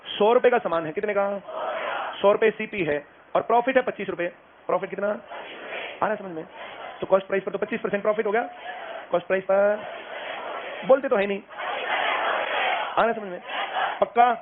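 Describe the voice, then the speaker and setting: A man's voice: high-pitched, brisk, long pauses, crowd noise. A man teaching a maths class. He keeps asking the students whether they have understood. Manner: drilling, asks students if they understood again and again. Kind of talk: classroom lecture. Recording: lo-fi phone-like sound, classroom noise behind.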